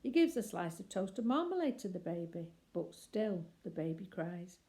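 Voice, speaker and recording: A woman storyteller reads a picture book aloud for children in a somewhat low, relaxed and mellow voice. Her phrasing is deliberate and expressive, with pauses for emphasis.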